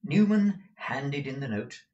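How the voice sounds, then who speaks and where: Casting: unhurried male reader, lively pitch, mic a little far away. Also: highs cut off. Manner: measured, expressive. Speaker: audiobook reader. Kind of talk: unhurried literary narration.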